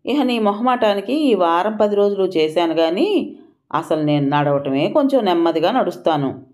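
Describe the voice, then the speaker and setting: A woman's voice: on the low side, expressive, normal speed, a little mellow, close to an everyday voice. A woman voicing a stubborn young village woman who talks bluntly and complains. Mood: grumbling.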